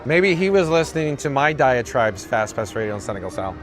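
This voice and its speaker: A raspy-voiced man holds his camera rig on a parade route and chats casually to his livestream, reading comments aloud a little fast at medium pitch. His dry, self-mocking monotone is heard over an outdoor crowd and music.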